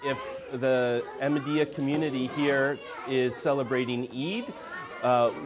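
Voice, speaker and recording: A school staff member leads a guided tour, speaking slowly and informatively. A loud rumble and steady noise run under the voice throughout. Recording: noisy recording with rumble.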